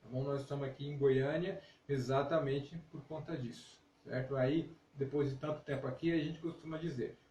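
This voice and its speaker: A middle-aged ministry leader from northeastern Brazil, born in Alagoas and raised in Paraíba, hosts a casual devotional live stream, encouraging listeners conversationally with frequent check-in tags. His warm, mid-range voice is steady, at normal speed with few pauses. The distant mic picks up a roomy sound with clear noise.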